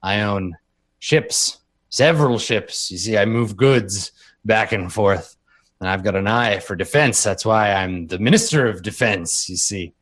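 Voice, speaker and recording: A man's voice: fairly low pitch, a bit bright. A man voicing a smug, rich whale-like alien minister. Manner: slow, drawling and self-satisfied.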